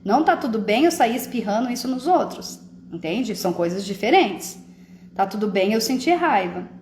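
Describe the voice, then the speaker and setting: A woman's voice: a little high, expressive, moderate pace, darkish tone. Woman, casual live chat, checks in with listeners, echoey room, faint background hum. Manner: conversational, often asks "entende?". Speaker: live stream host. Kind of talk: casual talk on emotions.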